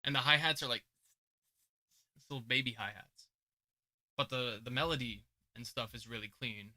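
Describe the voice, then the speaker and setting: A young man hosting his channel and judging beatbox entries in casual reaction commentary, chatty, laughing often, and shifting between mumbled asides and loud remarks. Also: mid-range voice, moderate pace. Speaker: beatbox judge and channel host. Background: beat music playing.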